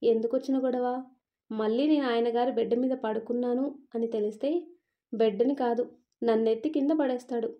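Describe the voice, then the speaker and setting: A woman's voice: fairly high pitch, steady tone, a little fast, natural voice. A woman voicing a cheeky, quarrelsome young bride in a storybook reading. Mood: musing. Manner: sassy, retorting. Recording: dull lo-fi recording.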